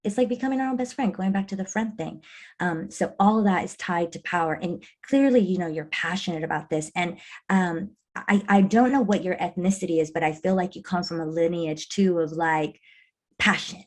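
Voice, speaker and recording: A woman's voice: lowish voice, normal speed. A woman hosting an interview, responding thoughtfully and affirming her guest's ideas. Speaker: host. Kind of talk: conversational interview.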